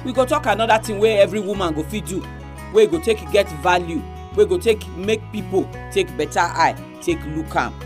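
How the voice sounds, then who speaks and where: A woman's voice: mid-range voice, brisk, over music. A woman with a Nigerian Pidgin accent hosting a religious radio programme for women, speaking directly to her listeners.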